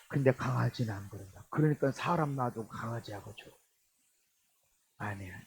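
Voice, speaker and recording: A middle-aged male pastor preaching a sermon, swinging from loud exhortation to low muttered asides and acting out the people he quotes. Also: moderate pace, gravelly, slight background noise.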